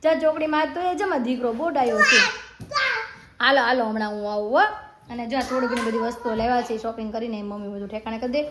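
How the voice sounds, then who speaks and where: A woman's voice: fairly high pitch, steady tone, fast, background noise. A woman narrating a casual family vlog at home, chatty and affectionate as she coaxes her children. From India. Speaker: family vlogger.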